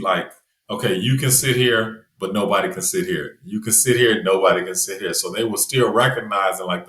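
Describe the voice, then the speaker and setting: A man from the United States, his voice on the low side, chats in an echoey room as a podcast guest. He sounds laid-back and conversational, using many fillers such as "you know."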